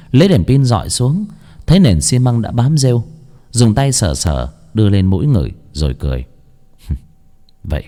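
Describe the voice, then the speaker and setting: A man's voice: on the low side, warm tone. A man narrating a ghost story expressively and voicing each figure. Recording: faint background music.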